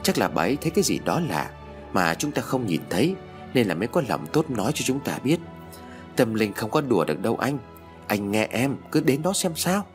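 A man's voice: mid-range voice, big pitch swings, brisk, faint music behind, close to an everyday voice. Man doing a tearful anxious mother. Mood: pleading. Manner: pleading, worried.

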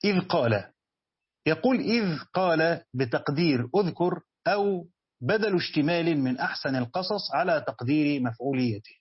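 A man's voice: fairly high pitch, husky, dull audio. A man with an Egyptian accent teaching Quran commentary in a classroom lecture, repeating key phrases and putting questions to his students. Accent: Egyptian Arabic.

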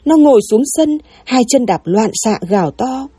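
A woman narrating a sad story in an expressive, emotional way. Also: on the high side, normal speed, breathy edge, no room sound, clean studio sound.

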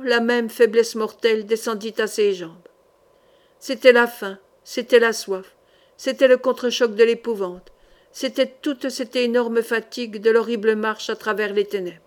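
A woman audiobook reader narrating a historical novel in a measured, dramatic storytelling manner. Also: on the high side.

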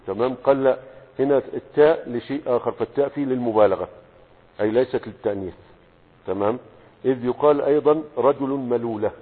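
Egyptian sheikh teaching a lesson, rapid and slightly husky, tinny recording with long reverb. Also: male voice, mid-range voice. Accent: Egyptian Arabic. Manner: asks rhetorical questions and checks understanding with "okay?". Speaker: sheikh teaching Arabic morphology. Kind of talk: explanatory lesson, reading and explaining a text.

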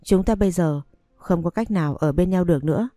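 A calm, determined young woman turns away her old love in a storybook reading, read by a woman. The voice is low and mellow, with faint music in the background. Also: a little fast, dry recording, studio quality, lightly acted. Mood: firm.

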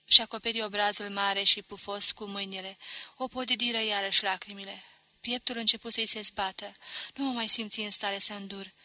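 A woman narrates a novel as an audiobook, measured and expressive. Her voice is very bright and sharp. It is recorded close on a studio mic, dry and free of echo. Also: mid-range voice. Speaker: audiobook reader.

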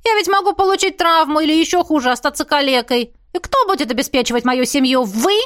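A woman reading an audiobook, voicing a fussy, bragging male gnome inventor who pitches his gadgets and whines about his duties. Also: expressive, moderate pace, a bit bright, no echo, clean studio sound. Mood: whiny. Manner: boastful sales-pitch patter, whiny. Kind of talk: audiobook character voice.

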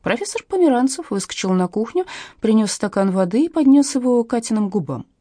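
A woman's voice: a little high, big pitch swings, a little fast, dark tone, no room sound, clean studio sound. A woman narrating an audiobook in a wry storytelling manner.

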